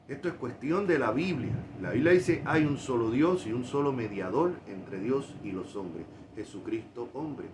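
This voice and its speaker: A man's voice: medium pitch, slight background noise. A man from Puerto Rico with a Puerto Rican Spanish accent, preaching a sermon with emphatic, rising stresses on key points.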